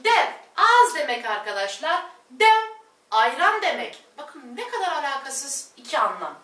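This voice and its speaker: A woman teaching a language lesson at a board, slowly repeating each word pair and addressing her viewers as friends. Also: sits high, big pitch swings, pushed and bright, recorded from a distance. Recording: echoey room, voice off-mic.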